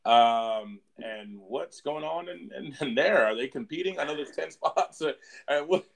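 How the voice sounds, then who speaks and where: Man, podcast co-host, casual sports chat, jokey, swears a lot, animated pitch. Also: a little slow, vocal fry. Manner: joking, swears often.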